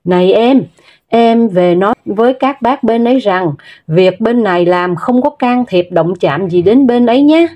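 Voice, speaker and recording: A woman voicing a shrill young village wife. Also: animated, measured pace. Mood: sharp. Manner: shrill, sharp. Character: sharp-tongued young village wife and mother.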